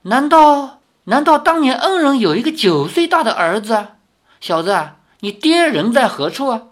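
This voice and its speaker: A reader voicing an old woman, an elder who questions a young stranger sharply and then warms to him with formal, old-fashioned courtesy. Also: medium pitch, very animated, moderate pace, pitched above the performer's own voice, close to an everyday voice. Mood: probing. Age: older. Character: stern then kindly old woman, elder of a hidden sect.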